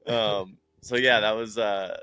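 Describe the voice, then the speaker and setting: Male coach guest from New Jersey, lowish voice, casual and animated, dry studio sound. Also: slow, clean tone, no room sound. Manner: animated storyteller, acts out quotes, says "like" a lot. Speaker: guest, distance running coach. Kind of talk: casual chat.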